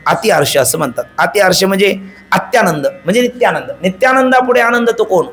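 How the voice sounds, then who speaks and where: A man's voice: high voice, a little fast. A man giving a devotional Vedanta discourse, telling stories and chanting verses. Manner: animated storyteller, chants verses and acts out dialogue. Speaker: Vedanta preacher.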